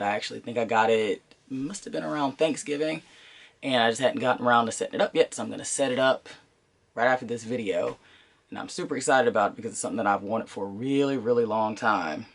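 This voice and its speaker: A man's voice: mid-range voice, fast, a bit bright. A man with a congested, sinus-affected voice giving a casual unboxing commentary as a channel host, informal and thinking aloud as he goes.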